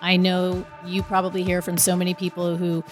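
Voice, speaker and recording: Woman telling a story, animated. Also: fairly low pitch, fairly quick, faint music behind. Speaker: storyteller guest. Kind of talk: casual storytelling.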